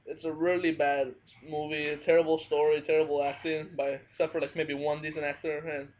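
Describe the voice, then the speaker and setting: With his family around, a man gives an offhand movie review at home in a brisk, level voice that sits on the high side and has a darkish tone. He hedges and uses lots of fillers, hesitating often; the recording is dull and lo-fi.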